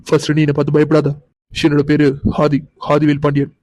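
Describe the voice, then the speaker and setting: A man's voice: fairly high pitch, monotone, quick pace, darkish tone, close to an everyday voice, poor audio. A man voicing an insistent, doting young man in a cartoon, coaxing and pressing for answers. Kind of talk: cartoon voice acting.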